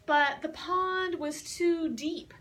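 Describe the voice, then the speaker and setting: A woman teaching English, retelling a fairy tale slowly and patiently, repeating and explaining words as she goes. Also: very high voice, steady tone, fairly bright tone. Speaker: English teacher telling a story. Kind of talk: slow story retelling with word explanations. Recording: distant mic with faint hiss.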